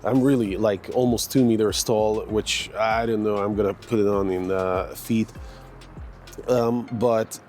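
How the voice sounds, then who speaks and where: A Hungarian fitness vlogger in his 40s chats casually through a morning walk in an outdoor park, full of fillers and restarts. His voice sits on the low side, steady in tone, unhurried and a little mellow, with soft music in the background.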